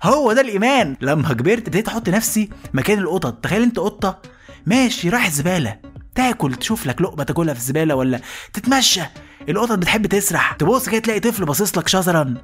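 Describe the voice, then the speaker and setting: A man with an Egyptian accent hosting a comedy podcast, telling stories in an animated monologue and slipping into voices. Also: sits high, soft background music. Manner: rapid, animated, jumps into voices. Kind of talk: comic storytelling monologue.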